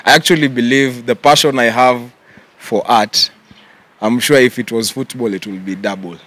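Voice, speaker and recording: A young man with a Kenyan accent, answering interview questions in a relaxed way and mixing English with Swahili slang. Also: medium pitch, normal speed, dry recording. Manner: relaxed, mixes English and Swahili slang, says "yeah" often. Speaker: content creator guest.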